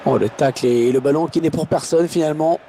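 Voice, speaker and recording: A man commentating on a football match in an excited play-by-play style, his voice rising at chances and goals. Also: a little high, fast talker, slight background noise, lightly acted. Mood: engaged. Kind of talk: excited goal-call sports commentary.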